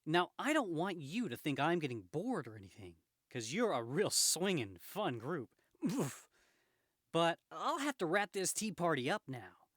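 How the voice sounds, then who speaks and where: A man's voice: fairly high pitch, big pitch swings, unhurried, fairly bright tone, no room sound, clean studio sound, pitched above the performer's own voice, heavily acted. A man voicing a wisecracking comic-book superhero, cocky and aggrieved, in a theatrical, quippy manner. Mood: cocky, taunting. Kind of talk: comic book read aloud in character.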